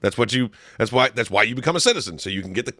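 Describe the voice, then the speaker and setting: A man's voice: medium pitch, animated, racing, no echo, studio quality. A man co-hosting a comedy podcast, ranting with heavy swearing and frequent laughter. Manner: loud, swearing, laughing rants. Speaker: podcast co-host. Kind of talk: profane comedic banter.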